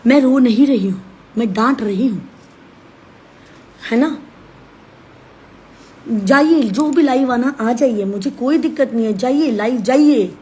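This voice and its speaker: A woman's voice: fairly high pitch, a little mellow, breathy edge. A woman ranting on a live stream from her phone, scolding and accusing in an insistent way. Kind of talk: heated live-stream rant.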